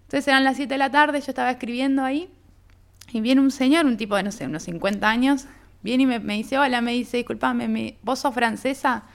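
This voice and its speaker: On a radio interview, an Argentine woman guest tells a casual travel anecdote in her Argentine Spanish accent, acting out both sides of a conversation with "me dice." Her voice is on the high side and a little fast, and her delivery is lively.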